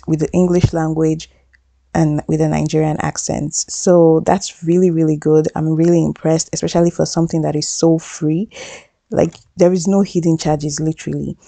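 Woman, tutorial voice-over, chatty, restarts phrases, gravelly, dry close sound. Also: low-pitched, mellow, no room sound. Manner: reassuring, upbeat. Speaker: tutorial host. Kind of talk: screen-recorded tutorial voice-over.

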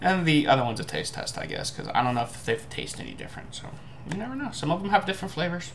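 A young man giving a casual, halting food review to camera, musing as he goes. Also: high voice, sing-song, fairly bright tone. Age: young adult. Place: indoor room at home. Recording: clearly noisy home webcam recording.

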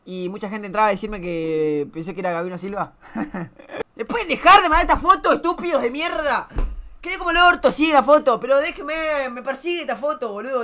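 Young male streamer, Rioplatense accent, crude casual reactions, bright timbre. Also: sits high, fairly quick. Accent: Rioplatense Spanish. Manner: swears a lot and laughs often.

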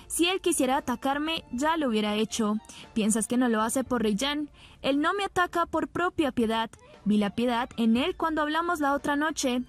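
A woman's voice: high-pitched, animated, normal speed, soft background music. A woman reading the lines of a remorseful middle-aged father full of guilt. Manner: remorseful, heavy.

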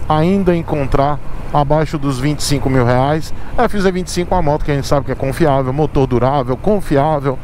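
Brazilian male motovlogger, high-pitched and talkative, riding in traffic, road noise under the voice. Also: fairly quick, a little mellow. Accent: Brazilian Portuguese. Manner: chatty, addresses viewers as galera. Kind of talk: casual motorcycle review while riding. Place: on a motorcycle in city night traffic. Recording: outdoor traffic and wind noise.

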